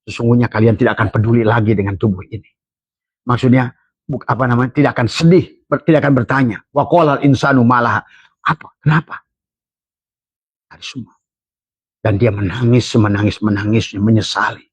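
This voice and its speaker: A man preaching an Islamic sermon in a lively way, often rising high in pitch for emphasis and chanting Arabic verses slowly. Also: slightly rough, no room sound.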